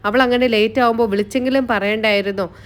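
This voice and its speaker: A woman voicing a worried middle-aged mother on the phone, asking slow, anxious questions. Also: fairly high pitch, fairly even intonation, natural voice. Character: worried middle-aged mother phoning her son-in-law.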